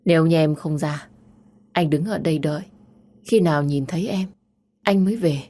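A woman's voice: sits low, moderate pace, mellow. A woman voicing a young man who insistently pleads for a few minutes to talk. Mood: pleading.

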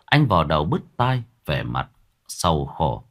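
A man narrating a ghost story in a dramatic, expressive way. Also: extremely low pitch, measured pace.

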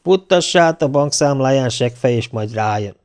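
A man voicing a blunt, scornful male police officer who shouts in fury. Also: mid-range voice, lively intonation, smooth, natural voice.

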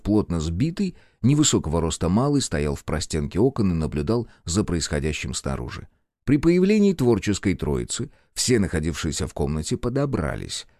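A man narrating an audiobook in an expressive storytelling manner. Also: sits low, no echo, studio quality.

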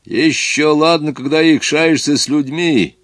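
A man's voice: a little high, steady tone, unhurried, dry recording, studio quality, voice pushed up, close to an everyday voice. A man reading the part of a stubborn, plain-spoken, superstitious peasant in an audiobook.

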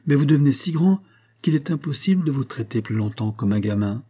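A man voicing a gentle bedridden lady who speaks quietly and calmly in a storybook reading. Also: mid-range voice, a little fast, slightly rough, voice pushed up. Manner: quiet, tranquil questioning. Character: gentle invalid lady, calm and kindly.

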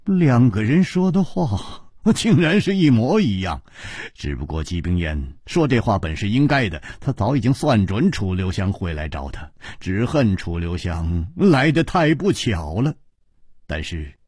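A man narrating a martial arts audiobook in a theatrical way, with sweeping pitch swings, recorded in a dry studio. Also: a little mellow, slightly rough, no room sound. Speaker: storyteller.

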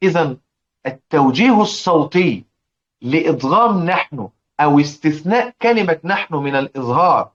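A man with an Egyptian accent gives a lesson on recitation rules in a fairly high voice. He keeps asking his listeners whether they follow and demonstrates each word aloud. The recording sounds somewhat dull and lo-fi. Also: lively intonation, normal speed. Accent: Egyptian Arabic. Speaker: Quran recitation teacher.

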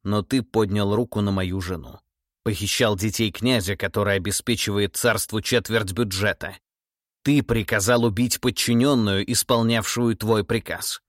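A man's voice: lowish voice, steady tone, no room sound, studio quality, lightly acted. A man voicing a cold, commanding tsar. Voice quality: measured, menacing, authoritative. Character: stern, cold middle-aged tsar, commanding. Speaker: monarch interrogating a relative. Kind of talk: audiobook character voice.

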